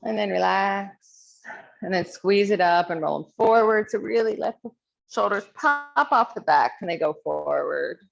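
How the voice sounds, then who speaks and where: A woman guides a yoga class with a calm, encouraging manner, her mid-pitched voice carrying some gravelly fry. The audio is slightly dull and lo-fi. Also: moderate pace. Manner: calm, encouraging cueing of poses. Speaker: yoga instructor.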